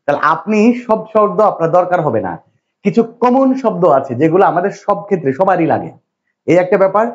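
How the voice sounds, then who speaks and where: A man from Bangladesh lecturing a classroom, his voice a little higher than most men's. He talks in a repetitive, reassuring way and keeps quizzing his students. The recording is dull and lo-fi. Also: big pitch swings, fast talker. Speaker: English teacher.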